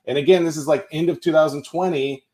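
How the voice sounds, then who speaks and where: A man's voice: on the high side, fast. A man from Tennessee, a podcast guest telling a story in casual chat, loose and full of asides. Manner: relaxed storyteller, many fillers and asides.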